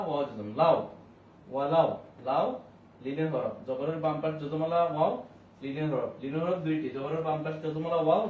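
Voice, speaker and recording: A man teaching Quran reading, spelling out each word letter by letter and slowly chanting the verses. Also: fairly high pitch. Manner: slow, repetitive drilling with melodic recited verses. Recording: roomy, dull distant sound with faint hiss.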